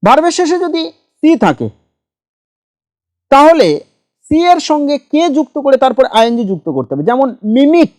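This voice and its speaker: A woman with a high voice walks through grammar rules one step at a time, spelling each example word letter by letter. She is recorded close to the mic in a dry room with no echo. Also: big pitch swings, darkish tone. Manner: slow, methodical, spells words letter by letter. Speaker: English grammar teacher. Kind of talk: grammar lesson.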